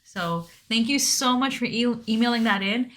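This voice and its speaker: A woman's voice: a little high, normal speed, a bit bright. A young woman co-hosting a podcast, chatting in a friendly way and reading out contact details. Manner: friendly, chatty, reads listener email info. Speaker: podcast co-host. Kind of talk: casual chat.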